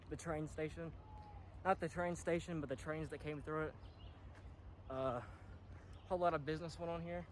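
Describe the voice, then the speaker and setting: A man casually narrating as he explores abandoned houses, out of breath and rambling, swearing offhandedly. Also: fairly high pitch. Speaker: urban explorer vlogger. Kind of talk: casual handheld exploring commentary. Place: abandoned houses in an overgrown ghost town. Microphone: action camera mic. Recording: noisy outdoor action-cam audio.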